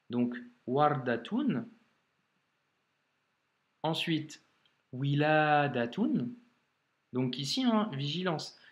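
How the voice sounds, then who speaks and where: A man's voice: a little high, reverberant. A man teaching Arabic reading in a video lesson, patiently spelling out sounds and checking in with the viewer.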